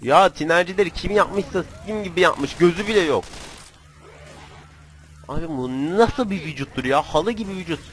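A man's voice: high-pitched, moderate pace, a little hiss or hum. Young man swearing through gameplay. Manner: swearing, joking, excitable outbursts. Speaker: gamer. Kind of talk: casual gameplay commentary.

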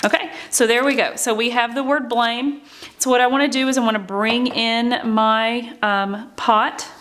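A woman's voice: fairly high pitch, steady tone, normal speed, fairly bright tone. A woman hosting a craft tutorial, talking casually and chattily as she walks through each step, with frequent ums and "okay, so". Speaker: craft channel host.

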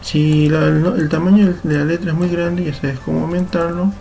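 A young man with a Peruvian Spanish accent, a computer teacher patiently walking through a software tutorial step by step, correcting himself as he goes. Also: a little high, fairly even intonation, moderate pace, creaky. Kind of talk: screen-recorded software tutorial.

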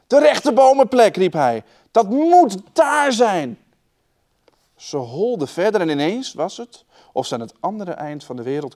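Lively Dutch man reading a children's story. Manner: lively, shifts loudness and pitch for the children's lines. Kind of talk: expressive storybook reading aloud.

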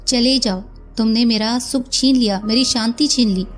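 A woman voicing a grief-stricken, volatile male professor who shouts through tears. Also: normal speed, faint music behind, close to an everyday voice. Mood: distraught. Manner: shouting, tearful, raised pitch.

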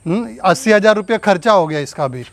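A man's voice: high-pitched, lively intonation, quick pace. A man staging an angry argument at home, scolding and threatening someone. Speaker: prankster husband.

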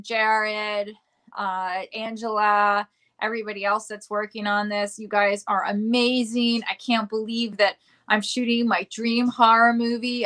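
A woman's voice: a little high, a bit bright. A young adult woman hosting a casual live stream, bubbly and giggly as she chats with viewers and reads their comments. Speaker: livestream host, actress.

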